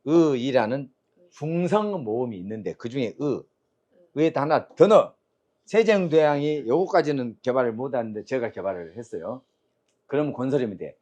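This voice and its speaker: A man's voice: mid-range voice, lively intonation, moderate pace, darkish tone. A man teaching Chinese characters and tones, quizzing his students and drilling sounds aloud in a call-and-response lecture.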